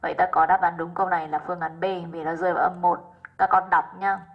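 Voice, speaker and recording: A woman's voice: lowish voice, flat delivery, fast talker, narrow, tinny audio. A woman English teacher going over exercise answers with her pupils, often checking in with rhetorical questions.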